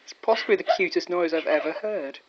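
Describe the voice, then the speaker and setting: A man's voice: on the high side, a little fast, dull audio, noisy background. Teasing man filming. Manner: teasing, amused. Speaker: camera operator. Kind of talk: casual home video banter.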